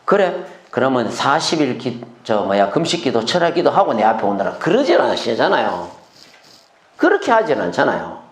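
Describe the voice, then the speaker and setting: A middle-aged male pastor teaching scripture in a sermon, animated, asking the congregation rhetorical questions and acting out cries of lament in a sudden high voice. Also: a little fast. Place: church sanctuary. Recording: echoey church hall.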